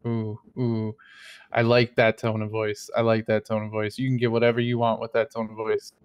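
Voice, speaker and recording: Smooth-voiced man rambling in character. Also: fairly low pitch, completely flat delivery, moderate pace, dry recording. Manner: rambling and hesitant, with many fillers and restarts; joking, mock-innocent. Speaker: streamer playing a roleplay character. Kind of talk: casual in-character roleplay chat.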